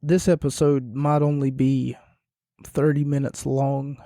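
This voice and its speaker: A man hosts a solo podcast recap, his hoarse voice fading as he talks slowly in a low, rambling monotone. He sounds dark and mellow, quiet and self-deprecating. The recording is dry and close-miked.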